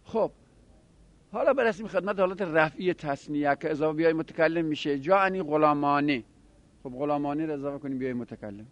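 Man, teacher, classroom grammar lesson, fairly high voice, step-by-step explaining, quick questions to students.

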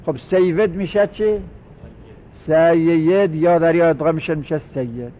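Man teaching a grammar class, slightly high. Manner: drawls out example words slowly, poses and answers his own questions. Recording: dull lo-fi recording.

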